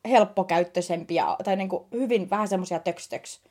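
A woman's voice: on the low side, darkish tone. A young woman with a Finnish accent co-hosting a podcast, telling a story with lots of giggling. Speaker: podcast co-host. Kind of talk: casual storytelling chat.

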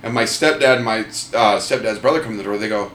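A man's voice: lowish voice, quick pace, a bit bright. A young man in his twenties telling a story in casual chat, acting out other people's lines. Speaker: podcast co-host.

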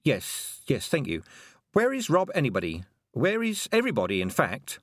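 A man voicing a practical, determined young girl who speaks briskly and matter-of-factly. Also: medium pitch, huge pitch swings, no room sound, studio quality, pitched above the performer's own voice.

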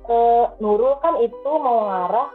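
A woman's voice: on the high side, measured pace. A woman, animatedly telling a ghost story in a casual chat. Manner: animated, acts out voices in her story. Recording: tinny phone-like sound with faint music.

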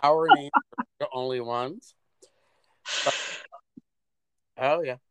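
A man co-hosting a podcast in casual chat, animated and profane, telling stories with big exaggeration. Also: medium pitch, slow, clear, resonant tone. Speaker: podcast co-host.

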